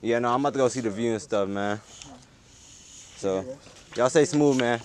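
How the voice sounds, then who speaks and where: A man's voice: medium pitch, moderate pace, crowd noise. A man chatting casually and profanely as he explores, speaking in slang as an urban explorer vlogger. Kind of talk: casual chat while exploring. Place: abandoned urban site at night. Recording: clear outdoor ambient noise, passing vehicles.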